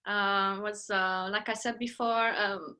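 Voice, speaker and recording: Woman poet in her fifties, friendly intro, reads her own verse, middle pitch. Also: steady tone, slow, pushed and bright. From Romania. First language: Romanian. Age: 50s. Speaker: poet reading her work. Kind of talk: poetry reading.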